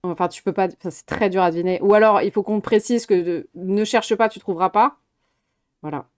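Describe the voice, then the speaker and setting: A woman's voice: medium pitch, brisk. A woman streamer chatting casually about films on a live stream, rambling, swearing and laughing often. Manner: chatty, rambling with restarts, reacting to chat.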